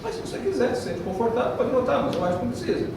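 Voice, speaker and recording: A man's voice: very high voice, very animated, racing, pitched above the performer's own voice, full character voice. A Brazilian man playing a blunt, impatient male therapist in a retold comedy sketch, snapping short commands. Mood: dismissive. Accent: Brazilian Portuguese. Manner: snappy, exasperated, shouting commands. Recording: echoey hall from far off, faint noise.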